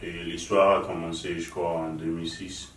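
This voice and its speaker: A man with an extremely deep voice that stays almost flat. He answers in halting phrases, picked up from a distance in an echoey room with a faint hiss behind him. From Nigerian father, raised in Lomé, Togo. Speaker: guest musician. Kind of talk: interview answers. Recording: echoey room, mic far off, faint noise.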